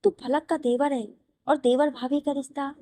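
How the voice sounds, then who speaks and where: A woman plays an anxious mother pressing her son with questions. The voice is fairly high, close and dry. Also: steady tone, moderate pace, warm tone, no echo, close to an everyday voice. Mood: worried. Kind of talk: audio story reading.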